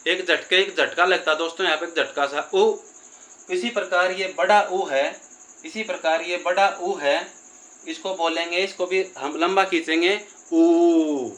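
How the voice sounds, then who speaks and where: A man's voice: high voice, fairly even intonation, moderate pace, sharp tone, poor audio. A man teaching a grammar lesson, patiently repeating and drawing out vowel sounds while addressing his listeners as friends.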